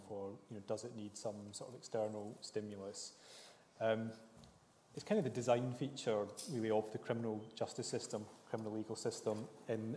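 Brief: male prosecutor, mellow voice, steady explanatory tone, reverberant room. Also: fairly low pitch, a little hiss or hum. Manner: measured, explanatory. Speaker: prosecutor panellist. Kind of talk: panel discussion. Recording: roomy hall reverb.

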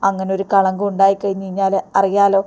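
A woman's voice: mid-range voice, completely flat delivery, fast talker, mellow, lightly acted. A woman reading as a solemn temple priest. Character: calm temple priest, older man.

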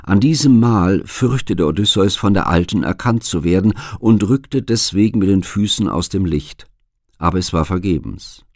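A man with a very low voice reads a classic legend aloud in steady, even storytelling. The recording is close and dry, with no room sound. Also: moderate pace, no echo. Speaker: audiobook reader. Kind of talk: scripted narration.

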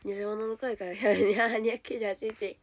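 A young woman with a Kansai accent chatting casually on a solo livestream, her voice hoarse and lower than usual, chatty and giggly and often dropping into soft whispers. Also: fairly even intonation, moderate pace. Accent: Kansai Japanese. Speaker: idol livestreamer.

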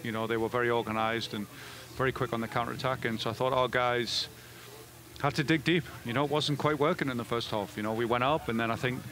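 A middle-aged soccer head coach fields post-game questions in an indoor media room in front of a backdrop, wearing a headset mic. He talks fast, often restarting sentences and using fillers, in a mid-range, fairly bright voice with fairly even intonation.

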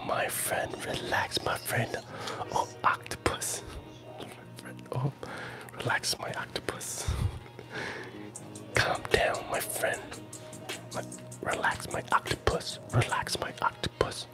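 A man in his forties hosts a playful ASMR live stream from a small home room with a gaming screen, whispering trigger words, repeating phrases and chatting casually. He speaks slowly with long pauses over music, close to a handheld recorder on a stand fitted with a foam windscreen.

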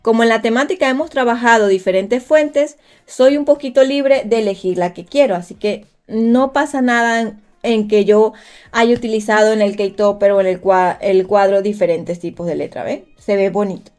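A woman's voice: medium pitch, moderate pace, darkish tone. A woman teaching a live design class, chatting directly with her viewers and thinking aloud as she works. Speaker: crafts instructor. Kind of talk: live-streamed software tutorial.

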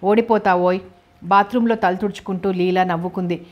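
Lady narrating an audiobook, does all the characters' lines herself, even voice. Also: fairly low pitch, brisk, lo-fi sound.

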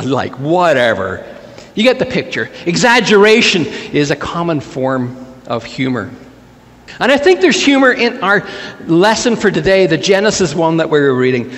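A male pastor preaching with a playful, joking storyteller's manner. His fairly high voice swings animatedly up and down. A long reverb of the church hangs on every phrase. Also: fairly bright tone. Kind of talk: humorous sermon. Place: church sanctuary.

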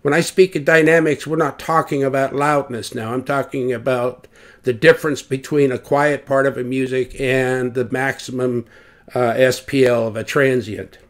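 In a mid-range voice with a steady tone and normal speed, a man gives an expert but informal technical explanation. He's a loudspeaker designer walking through measurements, asking questions then answering them and self-correcting along the way.

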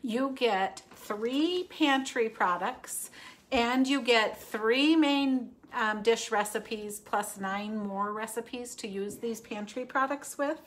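A woman in her fifties hosts a live cooking stream from her home kitchen, cheerfully explaining each step into a phone camera that is often held close but sometimes sits across the kitchen. Her voice is a little high and fairly bright, and a pan sizzles in the background of this casual cooking demonstration.

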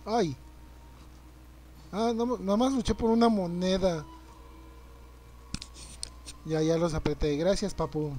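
A young man, streaming a game live, reacting loudly, swearing and greeting his chat. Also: high voice, steady tone, takes it slowly, pauses often, slight background noise. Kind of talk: live gameplay commentary.

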